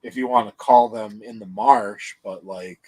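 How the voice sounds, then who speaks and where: A man's voice: medium pitch, very animated, unhurried, creaky, warm tone, breathy edge, rough recording. A man chatting casually and informally with others on a live group stream. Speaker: participant in a live group chat. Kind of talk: casual chat.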